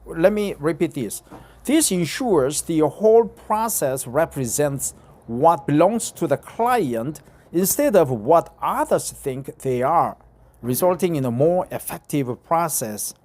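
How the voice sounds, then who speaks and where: A middle-aged Korean man, a vlogger, reads an English article aloud with a Korean accent to practice. He halts often, fills gaps with fillers and repeats phrases. His voice sits on the high side, with lively intonation and a darkish tone.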